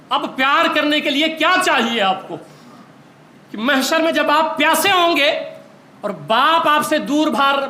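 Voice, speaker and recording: A man's voice: extremely high pitch, pushed and bright. A man preaching a sermon in an impassioned, rising voice, recorded in a large echoey hall.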